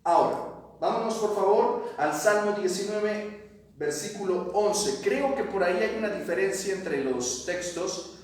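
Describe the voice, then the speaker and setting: Echoey, high-voiced man teaching Bible. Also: unhurried. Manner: asks the class questions, reads verses aloud. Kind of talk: Bible study lesson. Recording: echoey room, mic at a distance.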